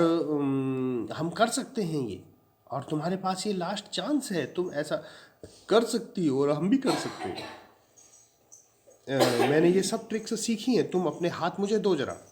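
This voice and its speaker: A man's voice: on the high side, very animated, measured pace, slight background noise, voice pushed up. A man voicing a bossy, commanding woman. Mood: persuasive. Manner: forceful, insistent, commanding. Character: bold domineering middle-aged woman, a smoker.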